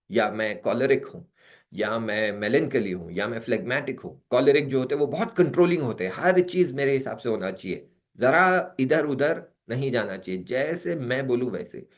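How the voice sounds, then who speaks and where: A man giving a lecture on personality types, acting out everyday stories with quoted voices. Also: mid-range voice. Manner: animated, acts out quoted voices.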